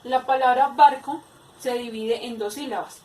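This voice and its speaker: A woman giving a spoken grammar lesson, explaining slowly with many hesitations and repeated words. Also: fairly high pitch, steady tone, darkish tone. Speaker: teacher. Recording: echoey room, far from mic.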